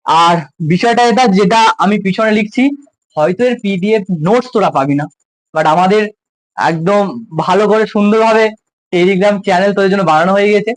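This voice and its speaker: Speaking fairly quickly in a voice that sits high, a male science teacher with a West Bengal Bengali accent lectures his school class casually and with plenty of jokes. He treats the students like close juniors, and the rough recording has no echo.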